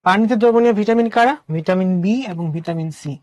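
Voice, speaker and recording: A man's voice: high voice, fast talker, darkish tone, dry recording. A male teacher giving an online class, explaining step by step, asking questions and answering them himself, with English words mixed into his speech. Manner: mixes English words into Bangla.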